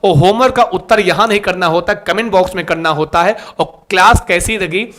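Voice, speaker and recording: A man teaching a live online class. He talks in a lively, coaxing way, repeats key terms and keeps asking his students to answer. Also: high voice, brisk, background noise.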